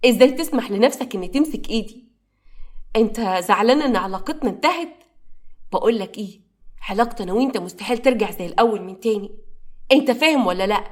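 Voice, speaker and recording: A woman's voice: medium pitch, natural voice. A woman with an Egyptian accent voicing an angry young mother who scolds and defies her ex-husband in a spoken story. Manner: scolding, defiant. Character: angry divorced mother Amira, sharp-tongued young woman.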